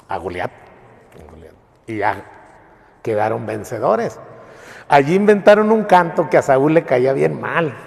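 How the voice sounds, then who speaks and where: A man's voice: mid-range voice, vocal fry, a little mellow. A priest retelling Bible stories in a colloquial, storytelling way, often checking in with his listeners. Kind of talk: informal Bible teaching. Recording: long reverb of a large hall.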